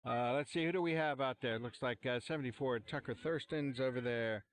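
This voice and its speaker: A man calls football play-by-play at an outdoor field. He talks in a relaxed, rambling way, with fillers and restarts. His pitch sits in a typical middle range for a man. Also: a little fast. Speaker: play-by-play commentator. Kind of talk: amateur sports commentary. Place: outdoor football stadium sideline. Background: cheering fans.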